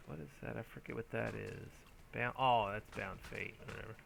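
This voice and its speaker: A man's voice: on the low side, fairly even intonation, normal speed, gravelly, fairly bright tone, a little hiss or hum. A tired man streaming a game, rambling and thinking aloud with restarts and hums as he plays. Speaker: streamer playing an online game. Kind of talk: casual gameplay commentary.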